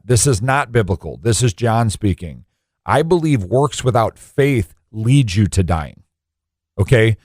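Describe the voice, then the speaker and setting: Earnest preachy man, low voice. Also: darkish tone, dry recording, studio quality. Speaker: radio show host. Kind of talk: motivational faith talk.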